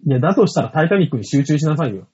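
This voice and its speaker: Husky man, podcast host, wry and quick, animated delivery over a weak, dull call line. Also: fairly high pitch. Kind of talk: casual banter. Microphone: remote call mic with weak signal. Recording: muffled, faint online call audio.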